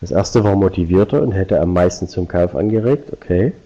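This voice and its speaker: A man's voice: low voice, brisk, mellow, lo-fi sound. A man presenting a live online seminar, explaining points directly to his viewers. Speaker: webinar presenter.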